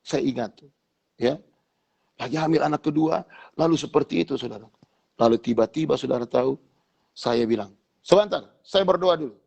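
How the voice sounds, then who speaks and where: A man's voice: mid-range voice, steady tone, normal speed, vocal fry, pauses often, dark tone, slightly rough. A man with a Manado accent, a pastor telling his testimony in an interview and often addressing listeners as brothers.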